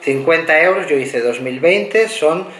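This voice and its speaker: A man's voice: a little high, expressive, a little slow, fairly bright tone, slight background noise. A man from Spain giving a casual car review, talking through figures step by step with many asides. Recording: echoey room.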